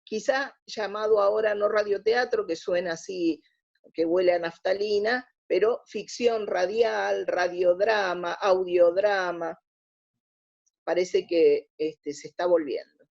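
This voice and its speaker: This Argentine radio drama researcher, appearing as an interview guest, talks slowly in a mid-range, slightly mellow voice with vocal fry. The recording sounds muffled. Her Argentine Spanish answers are conversational and explanatory, and she frequently rewords herself partway through.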